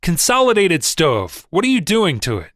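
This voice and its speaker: A man playing a furious, shouting stock trader. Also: fairly high pitch, sing-song, moderate pace, dry recording, studio quality, voice pushed up. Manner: shouting, indignant, sputtering. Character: furious small middle-aged male stock trader.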